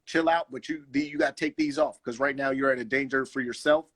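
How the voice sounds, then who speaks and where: A man in a relaxed guest conversation with a mid-range voice. He talks with a lot of animation, often restarts his sentences and keeps checking in with "you know what I'm saying". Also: medium pitch, fast talker, husky. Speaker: guest roller skater. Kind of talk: casual conversation.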